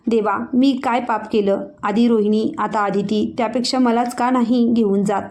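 A woman's voice: a little high, fairly even intonation, moderate pace, darkish tone, natural voice. A woman reading a grieving young father. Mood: despairing. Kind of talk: storybook narration.

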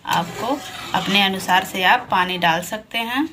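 Her voice sits in the middle range and never hurries: a woman guiding viewers of her home cooking channel through a recipe, step by patient step, from beside a frying pan in her kitchen. To draw attention to details, she repeats "dekhiye." The pan's sizzling and stirring are loud beneath her.

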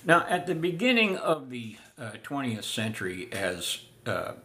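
An older man giving a casual spoken history lesson, unhurried with many filler pauses, seated in a room full of antiques. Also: medium pitch, big pitch swings, bright, forceful tone. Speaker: living history presenter.

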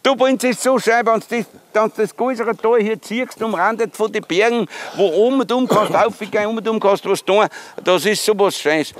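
An older man from Bad Goisern with an Upper Austrian accent, talking in a homely, warm-hearted way outdoors. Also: high voice, a little fast. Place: outdoors in a town.

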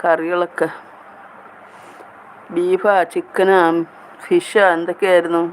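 A chatty woman hosts a live stream, reading her viewers' comments aloud and answering them one by one. Her voice stays level and even, with little rise or fall. A faint noise hums behind her. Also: fairly low pitch, takes it slowly, rough recording. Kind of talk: casual live chat with viewers.

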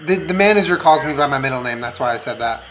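A man's voice: mid-range voice, expressive, fast talker, fairly bright tone, faint music behind. A young man chatting casually and making prank calls in an indoor room. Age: young adult. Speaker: prank caller and co-host. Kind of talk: casual chat and prank calling. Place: small indoor room, seated at a table. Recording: roomy, echoing indoor sound.

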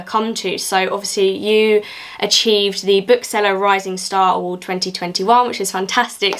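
A young woman hosts an interview over a video call from a bright room at home. She asks her questions in a friendly, encouraging way and congratulates her guest. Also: medium pitch.

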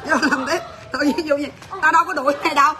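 High-voiced shop owner. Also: female voice, steady tone, a loud crowd. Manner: rapid, blunt teasing banter with staff, laughing often. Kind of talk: livestream sales chat.

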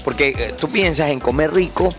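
A young man hosting an entertainment show on location in a restaurant, interviewing with a handheld mic in an upbeat, energetic way. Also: fairly high pitch, normal speed, over music. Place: indoor restaurant, seated at a table.

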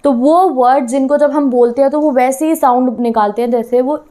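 Woman teacher, higher-pitched and mellow. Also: fairly even intonation, a little fast. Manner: mixes Hindi with English terms, asks students questions; keeps checking in with "theek hai". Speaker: English teacher. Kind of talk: online class explanation.

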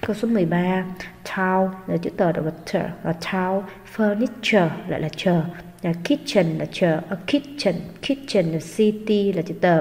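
Low-voiced woman teacher, reverberant room. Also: a little mellow. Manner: patient, hesitant with frequent fillers. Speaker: English teacher. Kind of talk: explaining exam answers. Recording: long hall reverb, faint noise.

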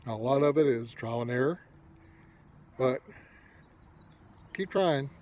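A man's voice: mid-range voice, slow, darkish tone. Older man talking around a pipe. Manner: easygoing, rambling, advice-giving. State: pipe in mouth. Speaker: pipe smoking video host. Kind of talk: casual unedited monologue to camera.

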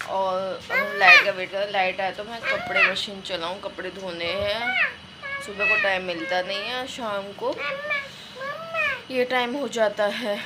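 A woman's voice: mid-range voice, very animated, a little slow, heavy background noise. A woman in her thirties chatting through her day in a casual home vlog, filmed on a phone held at arm's length. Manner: chatty, homely narration of daily chores. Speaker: family vlogger. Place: small home rooms and street, indoors and out.

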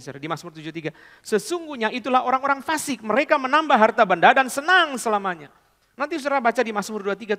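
A male pastor preaching a sermon, swinging from quiet murmurs to loud exclamations as he addresses the congregation. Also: high-pitched. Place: church hall. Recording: long church reverb.

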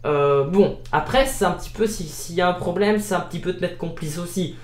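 A man's voice: high voice, a little fast, a little mellow. A man with a Belgian French accent improvising casual role-play dialogue in a colloquial, repetitive, talkative way. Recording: echoey room sound.

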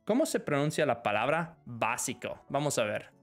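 A man's voice: mid-range voice, big pitch swings, normal speed. Bilingual male teacher, faint music. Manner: switches between Spanish and English, reads questions aloud. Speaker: language teacher answering live chat questions. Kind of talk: live stream lesson.

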